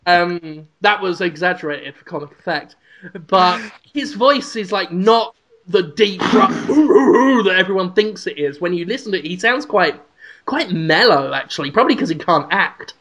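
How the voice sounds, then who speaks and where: A man's voice: sits high, expressive, normal speed, pushed and bright. Sardonic man hosting a podcast. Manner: sardonic, swears casually. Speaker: podcast host. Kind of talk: casual comedic chat.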